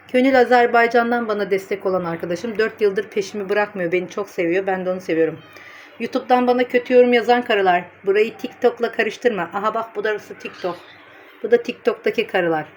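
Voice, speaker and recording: A woman with a slightly high voice chats to her phone camera in a blunt, teasing way, with a lilt. A faint hum of room ambience sits behind her. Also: steady tone, fairly quick. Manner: chatty, blunt and teasing, laughing with friends off camera. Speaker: vlogger. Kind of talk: casual chat to camera.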